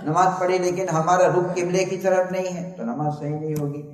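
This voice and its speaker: A man's voice: sits high, fairly even intonation. A man giving a methodical religious lecture, listing conditions one by one and quoting Arabic terms. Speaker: Islamic preacher. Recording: echoey hall, voice from far off.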